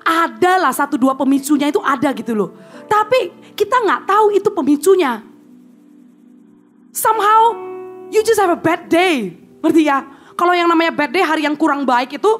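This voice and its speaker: A woman's voice: extremely high pitch, animated, brisk, a bit bright, faint music behind. A woman preaching a conversational sermon. She makes playful asides to the audience and acts out prayers in a pleading voice.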